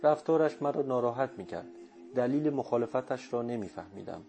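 A man narrating an audiobook in the first person, with measured, reflective storytelling. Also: medium pitch, lively intonation, vocal fry, warm tone, faint music behind.

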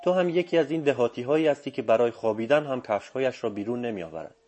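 A man's voice: mid-range voice, lively intonation, a little mellow, natural voice. A man reading the lines of a teasing, commanding old male sorcerer in an audiobook, firm and full of authority.

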